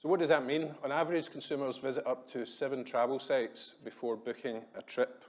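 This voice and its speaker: A man in his thirties from Glasgow with a Glaswegian accent, giving a quick, chatty business presentation at a conference with plenty of ums. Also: medium pitch, fairly even intonation, darkish tone. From Scotland. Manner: quick, chatty, self-deprecating, many ums. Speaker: conference speaker. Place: hotel conference room.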